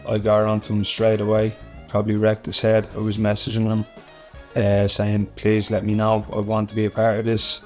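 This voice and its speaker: A man's voice: on the low side, completely flat delivery, normal speed, darkish tone, faint music behind. A man speaking earnestly in a documentary interview.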